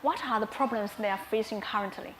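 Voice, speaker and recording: Higher-voiced woman interviewer, Chinese native speaker. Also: fast. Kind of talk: interview questions. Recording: echoey room with faint noise.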